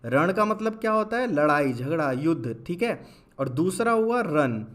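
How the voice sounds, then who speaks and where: A young man teaching a lesson, spelling words out slowly syllable by syllable and answering his own questions. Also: fairly high pitch, big pitch swings, fairly bright tone. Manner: asks questions and answers them himself, drawn-out syllable-by-syllable spelling. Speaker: Hindi teacher. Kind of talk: classroom-style lesson.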